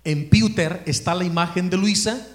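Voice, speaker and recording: A high-pitched man with a Mexican accent tells a story during a religious talk, lively and animated. He acts out the voices of the people in his story. The recording has a roomy echo. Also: normal speed. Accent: Mexican Spanish.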